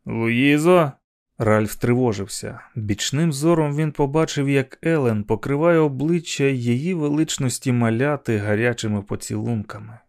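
Man reading an audiobook, steady. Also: medium pitch, normal speed, hardly any pauses. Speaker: audiobook narrator. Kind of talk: scripted narration.

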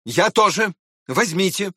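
A man reading aloud and voicing an irritable, proud middle-aged prince who snaps and shouts. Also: sits high, lively intonation, measured pace, slightly rough, no echo, clean studio sound, voice pushed up, full character voice. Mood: agitated, pleading. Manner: snappish, shouting and scolding.

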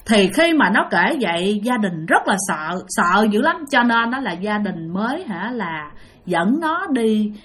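A woman with a medium-pitched, slightly bright voice tells a ghost story, very animated yet at a measured pace. She keeps it chatty and talks directly to her listeners.

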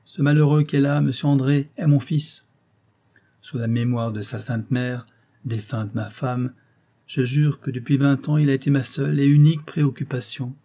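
A man voicing an anguished middle-aged contractor father in an audiobook, speaking loudly in a hoarse, clipped, emphatic way. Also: medium pitch, steady tone, normal speed, pitched above the performer's own voice, natural voice. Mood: indignant. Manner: loud, grieving, emphatic pleading. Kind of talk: audiobook character voice.

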